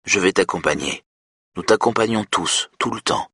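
A man with a husky voice, playing a calm, self-assured hypnotist who speaks low and soothingly. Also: unhurried, no echo, studio quality, heavily acted.

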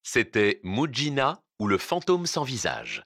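Expressive male storyteller, very lively pitch. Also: measured pace, gravelly, dry recording, studio quality. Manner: dramatic, expressive. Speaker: narrator. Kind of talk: storytelling reading.

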